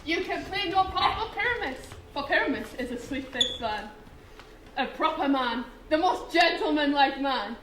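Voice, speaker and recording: A woman's voice: sits high, normal speed. A woman playing a fussy flustered play director. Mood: bossy. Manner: bossy, excitable, laughs between lines. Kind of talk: stage play performance. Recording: echoey hall with background noise.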